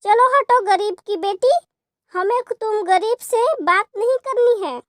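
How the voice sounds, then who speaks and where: A woman's voice: extremely high pitch, expressive, a little slow, no echo, clean studio sound. A woman voicing a mean, mocking schoolgirl in a cartoon story.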